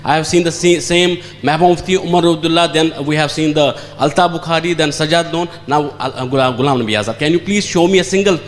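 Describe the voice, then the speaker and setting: A man's voice: fairly high pitch, quick pace, hardly any pauses. A man from Srinagar with a Kashmiri accent, asking a question from the audience at a public event. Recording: echoey hall, noisy hum.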